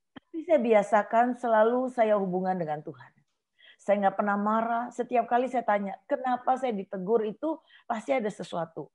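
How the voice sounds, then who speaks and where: Animated woman preacher telling testimony. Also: medium pitch. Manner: animated storytelling, acting out prayers and dialogue. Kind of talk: sermon with personal testimony.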